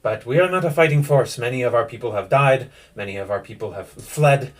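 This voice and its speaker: A grave, weary young village man, as a man at the game table plays him. He speaks with sighing sternness in a voice of middling pitch. The tone is tired but firm. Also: fairly quick, close to an everyday voice.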